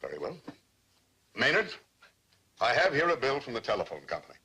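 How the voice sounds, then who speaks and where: An actor playing an exasperated father straining for patience in an old TV sitcom, questioning deliberately. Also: mid-range voice, wildly swooping pitch, sharp tone, slightly rough, exaggerated voice. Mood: strained patience. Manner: deliberate, interrogating. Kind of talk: 1950s-60s TV sitcom acting. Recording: noisy old TV soundtrack.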